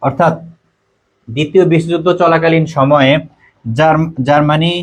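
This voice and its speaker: A man's voice: fairly high pitch, fairly even intonation, moderate pace. A man from Bangladesh tutoring a class online, repeating each quiz question and its answer options and reading out students' answers. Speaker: admission test tutor.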